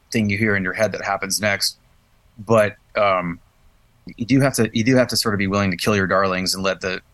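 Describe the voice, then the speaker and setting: A man's voice: lowish voice, a bit bright, dry recording. A man hosting a podcast, chatting in a thoughtful, searching way and often restarting phrases. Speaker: podcast host, musician. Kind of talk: casual chat.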